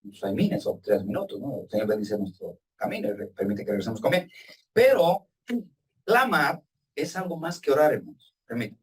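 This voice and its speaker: A man preaching a sermon to his congregation as their pastor, with emphatic swings in pitch and loudness, calling them brothers. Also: animated, normal speed, breathy edge, recorded from a distance. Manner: addresses the congregation directly as brothers. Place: church hall with congregation and Zoom viewers.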